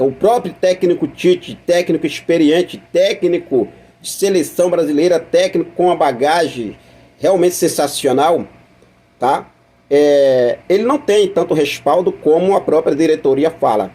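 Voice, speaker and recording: A man's voice: on the high side, warm tone, slightly rough. A man with a Brazilian accent hosting a football news channel, talking through club news in a chatty way, repeating points and asking viewers questions. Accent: Brazilian Portuguese. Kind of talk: casual news commentary to camera.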